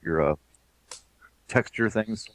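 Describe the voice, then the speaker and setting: A man giving relaxed commentary as a game developer, reminiscing about making the game. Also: fairly low pitch, slow. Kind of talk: casual commentary.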